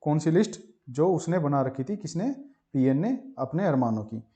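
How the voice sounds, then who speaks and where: A man's voice: fairly high pitch, lively intonation, moderate pace, warm tone. A male teacher giving an exam-prep geography lesson. He teaches with memory stories, and he keeps asking questions and answering them himself. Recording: muffled lo-fi voice-over.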